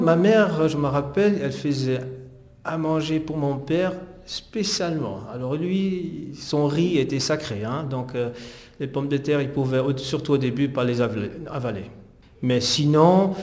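A hesitant middle-aged man from the Netherlands, a physiotherapist being interviewed, talks about his personal history in a conversational way. His voice is medium in pitch and a little mellow, his pace moderate, and the sound is roomy.

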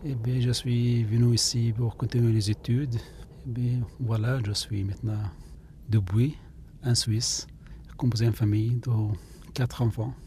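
A man from Palestine, answering interview questions slowly and haltingly in his living room. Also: medium pitch, little pitch movement, mellow, slight background noise. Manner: halting, searching for words. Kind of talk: radio interview.

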